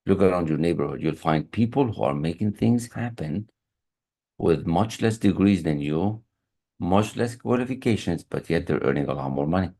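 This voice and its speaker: A man's voice: deep voice, animated, moderate pace, dark tone. A man coaching in a motivational online lesson, earnest, repeating key phrases and restarting his sentences. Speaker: high performance coach. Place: online meeting room. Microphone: computer mic on a video call.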